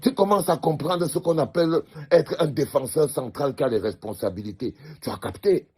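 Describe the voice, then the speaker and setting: A man's voice: on the high side, brisk, a little mellow, breathy edge. A man with a Cameroonian French accent giving a comedic monologue, repeating his lines with emphasis and teasing in a fatherly way. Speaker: comedian addressing the national team.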